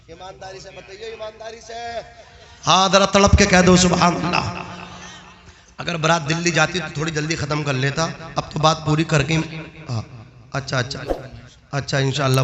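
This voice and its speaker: A man preaching a sermon in a melodic, chanting delivery that climbs into shouts, calling out to his listeners for responses. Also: fairly high pitch, muffled recording. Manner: calls out to the audience for responses. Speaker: Islamic preacher.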